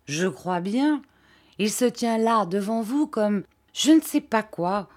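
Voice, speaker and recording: A woman's voice: medium pitch, animated, slow pace, darkish tone, voice pushed up. Woman voicing a hearty old fisherman.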